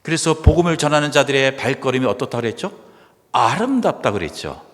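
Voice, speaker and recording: A man preaching a sermon as pastor, swinging from loud cries to hushed, whispered asides. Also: medium pitch, big pitch swings, brisk, in a large hall. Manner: dramatic shifts from loud exclamation to hushed whisper. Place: church sanctuary.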